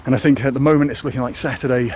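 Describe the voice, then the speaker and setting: British bloke doing casual vlog chat, mid pitched voice, noisy outdoor sound. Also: male voice, racing, a little mellow. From Britain. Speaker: running vlogger. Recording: noisy outdoor recording with ambience, vehicles.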